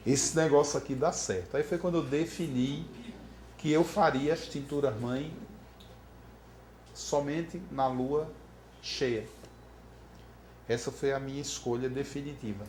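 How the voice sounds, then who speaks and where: A man's voice: medium pitch, unhurried, long pauses. A man from Brazil teaching about floral remedies in a storytelling lecture, acting out the voices of the people in his story. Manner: animated, acts out quoted voices. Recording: echoey room with faint background noise.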